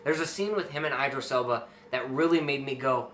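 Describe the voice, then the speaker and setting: A man's voice: medium pitch, fairly quick, fairly bright tone. A man hosting a casual film review, talking emphatically and with enthusiasm. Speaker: host of a film review show. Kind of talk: casual movie review chat. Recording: roomy echo, faint background noise.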